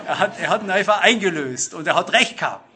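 A middle-aged man preaching a sermon, speaking straight to the congregation and slowing down to stress key phrases. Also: sits high, lively intonation, bright, forceful tone. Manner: addresses listeners directly, emphatic with slow stressed phrases.

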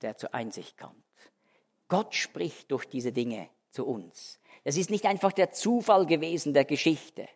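Animated preaching man in a hall. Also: on the high side. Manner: swings between emphatic raised phrases and hushed, slow endings. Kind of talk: verse-by-verse Bible teaching sermon. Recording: long hall reverb.

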